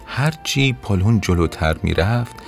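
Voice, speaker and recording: A man narrating a bedtime story in a gentle, expressive way. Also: lowish voice, vocal fry. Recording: soft music under narration.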